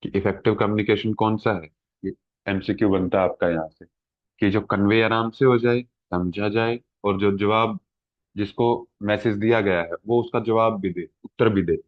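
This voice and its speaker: A man's voice: lowish voice, steady tone, normal speed, dry recording. A middle-aged man teaching an exam-prep lecture, explaining step by step and often checking in with his students. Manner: explanatory, mixes English terms, frequent "ठीक है" check-ins. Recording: tinny phone-like dry sound.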